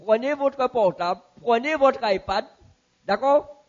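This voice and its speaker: Teaching a Bible class at church, this very high-voiced man asks his listeners questions and echoes their answers back slowly. The recording has its highs cut off.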